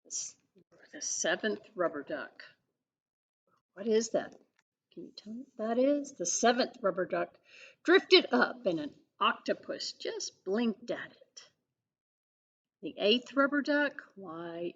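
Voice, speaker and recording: Librarian lady doing story time, slow expressive reading, asks the kids questions, muffled sound. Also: medium pitch. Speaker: children's librarian. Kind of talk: reading a picture book aloud to children. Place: public library.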